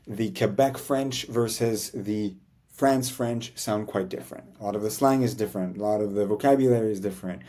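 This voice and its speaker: In a casual talking-head vlog, a man with a mellow, mid-range voice reflects earnestly on learning a language. He is a native English speaker and often closes his thoughts with "right?"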